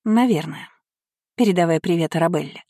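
An audiobook reader voicing a lively, teasing young duke's daughter in a raised voice. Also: mid-range voice, a little fast, no echo, studio quality, close to an everyday voice. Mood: brisk. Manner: playful, arch. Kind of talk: audiobook character reading.

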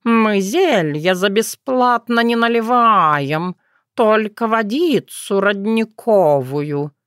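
A woman voicing a slow, courtly talking cat. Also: medium pitch, animated, a bit bright, clear, resonant tone, dry recording, clean studio sound, voice pushed up. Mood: stately. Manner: slow, ceremonious, purring.

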